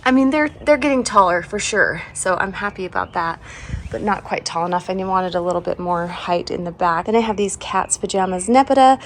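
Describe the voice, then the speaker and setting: This young woman, a home and garden vlogger, has a lowish, expressive voice and talks fairly quickly, with a slight hiss or hum in the audio. Sleepy and still recovering from a cold, she chats casually while walking through her front yard garden. She laughs often and tends to trail off mid-sentence.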